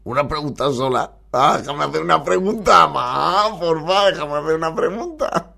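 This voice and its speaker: A man with a Spain accent hosting a comedy podcast, commenting on TV clips in a casual, animated way and laughing often. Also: fairly high pitch, moderate pace, vocal fry. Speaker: podcast host.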